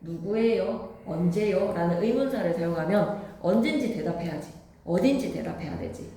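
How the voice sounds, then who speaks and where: A woman's voice: lowish voice, lively intonation, fairly quick, warm tone, reverberant. A woman teacher giving an emphatic classroom grammar lecture, quizzing her students with questions as she goes.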